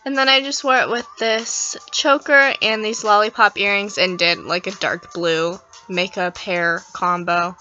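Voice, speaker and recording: Young female vlogger, sick-sounding, bright tone, casual chatty read over soft music, slightly dull audio. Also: medium pitch, fairly even intonation, a little slow, few pauses. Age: young adult. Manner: chatty, affectionate. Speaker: fashion vlogger. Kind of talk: casual outfit vlog voice-over.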